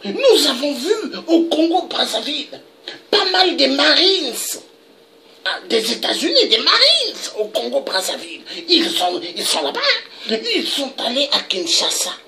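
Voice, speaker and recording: Woman, political commentator: slow, indignant rant with a gravelly edge and sharp, high tone. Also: sing-song, a crowd in the background. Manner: emphatic, indignant, with dramatic pitch leaps. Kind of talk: impassioned political monologue.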